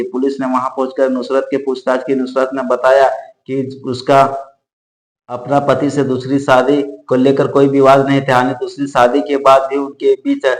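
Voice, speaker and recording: Man, true-crime storyteller, flat delivery, loose retelling with restarts, echoey room. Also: mid-range voice. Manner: unscripted retelling with restarts and self-corrections.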